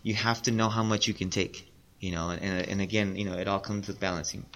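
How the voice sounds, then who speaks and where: A man's voice: low-pitched, little pitch movement, fairly quick, fairly bright tone. A man in his late thirties, a podcast guest, talking casually and earnestly, often repeating himself. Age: 30s. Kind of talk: casual interview talk.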